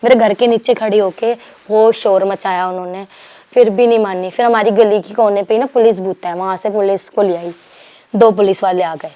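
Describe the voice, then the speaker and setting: A young woman from Delhi, telling her story to an interviewer in a rambling, animated way, acting out what others said and restarting her sentences. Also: medium pitch, moderate pace. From Delhi, India. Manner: rambling, animated retelling with quoted dialogue and restarts. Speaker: guest.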